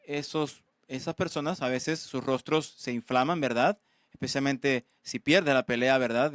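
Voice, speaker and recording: A man's voice: on the high side, a bit bright, no echo, clean studio sound. A man preaching a sermon as pastor, earnest and often checking in with his listeners. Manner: earnest, asks "¿verdad?" often, halting restarts.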